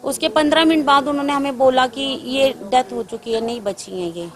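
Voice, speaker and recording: A woman's voice: sits high, brisk. A woman giving an urgent eyewitness account to a news reporter, often addressing him as sir. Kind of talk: news interview testimony.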